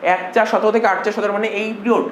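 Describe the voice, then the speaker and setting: A fast-talking man teaching an accounting class, coaxing students with repeated questions. He is recorded in an echoey classroom, with a faint hum of room noise behind him. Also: sits high, level tone. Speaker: accounting tutor. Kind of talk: classroom lecture.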